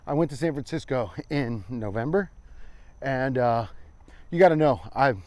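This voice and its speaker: An American man, roughly in his forties, walks a trail outdoors while hosting a rambling comedic vlog, chatting casually and irreverently and swearing without restraint. He sounds animated and a little mellow, with medium pitch and normal speed.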